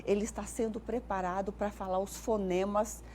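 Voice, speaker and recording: A Brazilian woman speaking as a guest on a morning TV show, explaining in a clear, teacherly way and playfully mimicking animal and nature sounds. Her voice sits at a medium pitch. A faint hiss of noise runs underneath. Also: moderate pace. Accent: Brazilian Portuguese. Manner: explanatory, animated when acting out sounds for children. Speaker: speech therapist guest.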